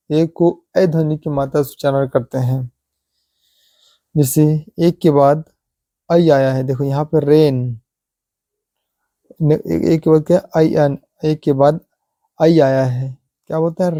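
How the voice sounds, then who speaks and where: A man teaching English pronunciation, repeating example words slowly and asking rhetorical questions. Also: fairly high pitch, dark tone, dry recording. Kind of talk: slow classroom explanation.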